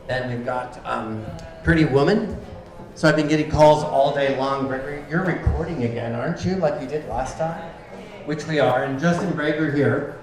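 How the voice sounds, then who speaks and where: A man with a mid-range, slightly mellow voice hosts a live community event in a bar's back room, giving loose, chatty opening remarks full of ums. He speaks into a handheld microphone from a distance, so the recording is echoey with faint noise.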